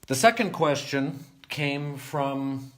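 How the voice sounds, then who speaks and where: A man from New England giving a slow, deliberate spiritual monologue to his viewers, moving between lively and hushed passages. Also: medium pitch. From New England, United States. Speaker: vlogger.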